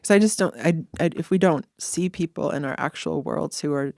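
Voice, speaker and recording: A woman's voice: sits low, a little fast, creaky, a little mellow, no room sound, clean studio sound. A woman who is a friend of the guest, sharing earnest, reflective thoughts in a podcast interview and sometimes searching for her words.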